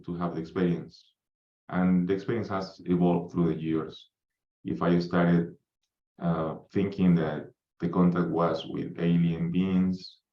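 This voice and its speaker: A man, a podcast guest telling his story unhurriedly with many ums and uhs. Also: low voice. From Peru. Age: 50s. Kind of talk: reflective personal account. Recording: roomy, dull lo-fi remote audio.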